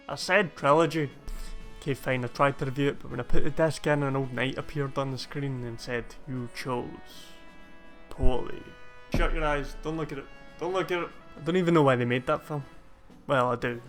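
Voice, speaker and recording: A man's voice: mid-range voice, a bit bright. A man hosting a scripted comedic film review, talking in a wry, dry jokey way. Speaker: host of a movie review show.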